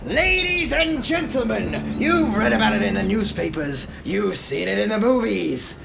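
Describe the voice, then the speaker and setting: A man's voice: sits high, lively intonation, unhurried, gravelly, very noisy, exaggerated voice. A man playing a manic, sadistic clown villain with theatrical, mocking glee in a radio drama. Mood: showman ranting. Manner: mocking, showman-like, cackling, wildly swooping. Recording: amateur radio drama under loud music.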